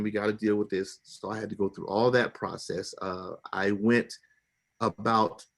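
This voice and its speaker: A middle-aged man telling a personal story with feeling, acting out the people he quotes with big jumps in his voice. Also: on the low side.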